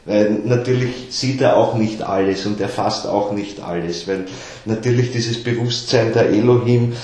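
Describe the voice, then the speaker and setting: A man giving an explanatory lecture to a small group, often halting and repeating words as he explains. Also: fairly low pitch, steady tone, darkish tone. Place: lecture room with listeners. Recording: very echoey room.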